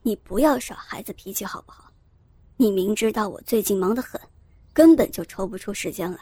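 A woman voicing an irritated young man, a fiancé speaking on the phone, brusque and hurried. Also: medium pitch, animated, darkish tone, breathy edge, dry recording, voice pushed down. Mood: impatient.

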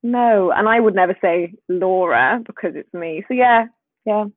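A woman's voice: mid-range voice, moderate pace, dry recording. A woman from Swansea with a light Welsh accent, chatting casually and self-deprecatingly as a guest, with a giggly manner. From Swansea, Wales. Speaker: podcast guest, small business owner. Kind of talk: casual chat. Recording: thin band-limited phone-like call audio.

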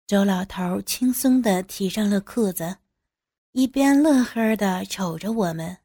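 A woman reads a first-person story in a slow, unhurried way. Her voice is husky and a little breathy. It sounds dry and close, with no room behind it. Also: medium pitch, dark tone, no room sound. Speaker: narrator.

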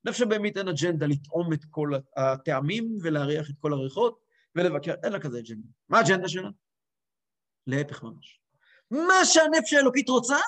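A man teaching a lively spoken lesson as a rabbi, acting out quotes and voices with big swings. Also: sits high.

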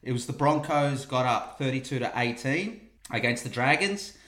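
A man's voice: medium pitch, animated, moderate pace, fairly bright tone. A man hosting a casual sports review podcast, talking wryly and repeating himself for emphasis.

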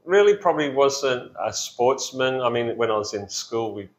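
In an echoey, dull, lo-fi room, a middle-aged pastor from Blue Mountains, New South Wales, Australia, talks at normal speed with a mid-range voice and lively intonation. He's hesitant in this casual interview, restarting often, using many fillers, and laughing easily.

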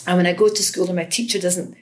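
This time the Scottish researcher talks fast in a lowish, steady-toned voice. A lecturer in education in her fifties, she discusses her research conversationally in an interview, thoughtful but full of restarts and fillers.

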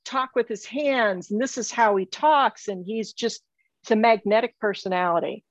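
A woman's voice: fairly high pitch, moderate pace, no room sound, muffled recording. A woman giving a psychic reading over a remote call, earnest and insistent, often stopping and repeating her phrases. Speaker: psychic medium.

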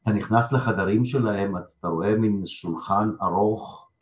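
A man being interviewed as a theatre director, telling stories conversationally and repeating phrases for emphasis. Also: on the low side. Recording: echoey room, slightly dull sound.

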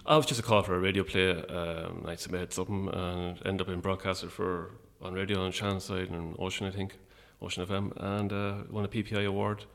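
A man with an Irish midlands accent talking casually and a little hesitantly as an interview guest, in a low-key, wry way. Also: little pitch movement, brisk, gravelly, few pauses, fairly bright tone. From Longford, Irish midlands.

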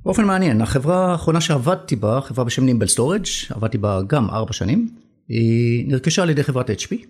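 A man's voice: medium pitch, very animated, a little mellow, breathy edge. A middle-aged man with an Israeli accent talks in a conversational business interview, emphatic and repeating phrases for weight. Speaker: company country manager, interview guest.

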